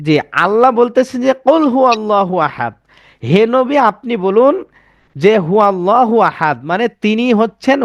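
A man with a high voice teaches an Arabic pronunciation class. He goes slowly, repeats each word and keeps asking if his students follow. The sound is close and dry, with no room echo. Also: fairly bright tone. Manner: explains slowly, repeats words, checks with students.

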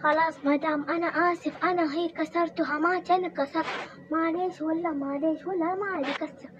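A woman's voice: very high voice, fairly even intonation, fast, voice pushed up. Woman playing a flustered young maid. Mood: apologetic. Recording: muffled with background noise.

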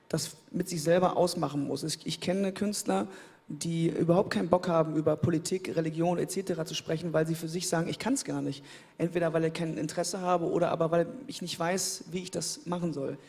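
A pop singer in his thirties, a native German speaker, is interviewed while seated in an armchair on an indoor studio stage, talking into a handheld mic. His voice is on the high side, brisk and gravelly, and he speaks in a relaxed, thoughtful way, often repeating words as he searches for them.

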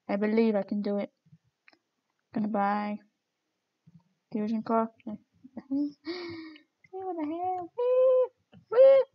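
A woman's voice: on the high side, vocal fry, muffled recording. A woman streaming her gameplay, chatting casually and mocking herself with giggles as she plays.

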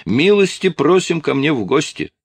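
A man's voice: a little high, very animated, moderate pace, breathy edge, dry recording, voice pushed up, heavily acted. A man voicing a resolute Russian musketeer commander who speaks firmly.

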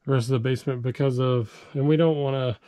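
A man's voice: medium pitch, fairly even intonation, fast talker, warm tone. A middle-aged man giving a casual, rambling walkthrough of his basement build, with lots of "um"s, recorded on an action camera in an unfinished basement. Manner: rambling, filler-heavy explaining. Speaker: DIY vlogger. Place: unfinished basement under construction.

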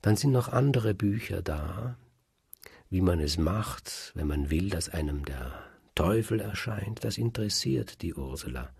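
A man telling old legends aloud in a lively, emphatic way, swinging between loud and hushed. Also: low-pitched, a little slow, gravelly, breathy edge, no room sound. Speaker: storyteller. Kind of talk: oral storytelling of legends. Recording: dry close recording.

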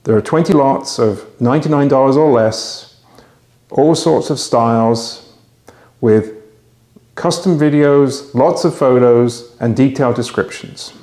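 A man's voice: mid-range voice, measured pace, mellow, roomy sound. A middle-aged man hosting a magic auction, talking casually to camera in a home bar room with a lapel mic, chatty and full of restarts. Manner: chatty, hesitant with restarts and fillers. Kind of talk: casual promotional talk to camera.

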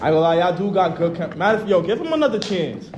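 A man hosting a reaction video, joking loudly and repeating himself in casual chat. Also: high-pitched, very animated, quick pace, echoey room, background noise. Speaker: reaction host.

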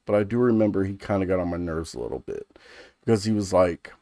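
A man's voice: low voice, lively intonation, quick pace, mellow, no room sound, clean studio sound. A man in his thirties giving a casual, sweary movie review to camera, rambling and jokey. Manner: rambling, jokey, laughs easily.

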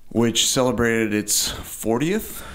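A man's voice: mid-range voice, lively intonation, slow, fairly bright tone, slight background noise. A man hosting a podcast who interviews his guest in a friendly, enthusiastic, casual way, using fillers like "like" and "um". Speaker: podcast host.

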